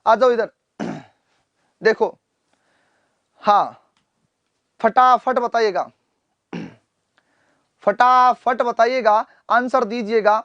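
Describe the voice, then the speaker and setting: A male teacher runs a live online class, quizzing students, repeating each answer and calling them "beta". He clears his throat often. The sound is close and dry. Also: high voice, lively intonation, very slow, pauses often, a bit bright, dry recording, lo-fi sound. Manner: addresses students fondly as "beta". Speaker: Hindi teacher.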